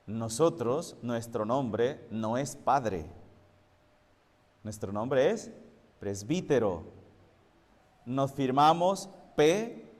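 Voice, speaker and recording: Sacerdote predicando en sala con eco. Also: male voice, mid-range voice, lively intonation, very slow, pauses often, big-room sound. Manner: explanatory, asks the congregation rhetorical questions. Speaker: priest. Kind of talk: sermon.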